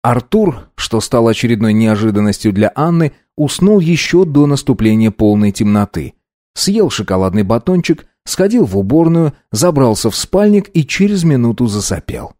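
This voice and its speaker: A man narrating an audiobook in a steady, even reading. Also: mid-range voice, normal speed, dry recording, clean studio sound.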